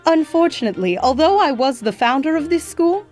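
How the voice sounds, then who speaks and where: A woman acting as a gracious, proud nurse from history, speaking in a genteel, motherly way. The voice sits fairly high and moves a lot in pitch. Soft music plays faintly behind. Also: very animated, a little fast. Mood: storytelling. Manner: genteel, calls listener "my dear" and "darlings". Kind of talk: scripted educational acting.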